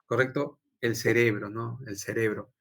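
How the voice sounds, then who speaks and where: A man's voice: mid-range voice, fairly even intonation, moderate pace, creaky, a bit bright. A young adult man, a doctor teaching a physiology class, tells a personal story and quizzes his students, ending many phrases with "¿no?". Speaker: physiology lecturer and intensive care doctor. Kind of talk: informal lecture with personal anecdote.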